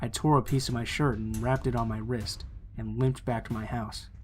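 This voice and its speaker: A man reading a true scary story aloud as the channel's narrator, in a steady, measured storytelling delivery. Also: mid-range voice, faint music behind.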